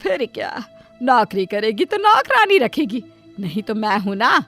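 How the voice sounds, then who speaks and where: A woman voicing a devoted, self-sacrificing middle-aged mother in a cartoon story, with soft music behind. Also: on the high side, sing-song, measured pace, full character voice. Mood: defensive.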